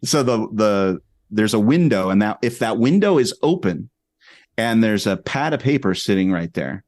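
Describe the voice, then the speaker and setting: Animated man telling a story. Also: fairly low pitch, normal speed, no room sound, clean studio sound. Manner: animated, rambling with restarts. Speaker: podcast guest. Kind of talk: casual storytelling.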